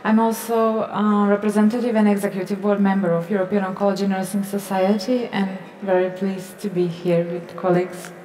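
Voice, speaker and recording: A young woman from Croatia, an oncology nurse speaking briskly and composedly on a conference panel. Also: mid-range voice, flat delivery, dark tone, slight background noise. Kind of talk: panel discussion. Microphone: headset mic. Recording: roomy hall sound.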